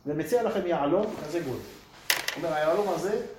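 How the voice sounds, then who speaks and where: A man's voice: on the high side, background noise. A man teaching a Torah class to a live audience, speaking emphatically and asking rhetorical questions. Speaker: religious teacher. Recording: echoey room.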